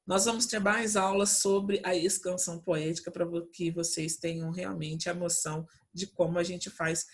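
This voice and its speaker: A woman's voice: fairly low pitch, steady tone, normal speed. A Brazilian woman who teaches Portuguese, giving a class from home and explaining step by step with frequent checks on her students. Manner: explains patiently, lots of checking "né?" and "tá?".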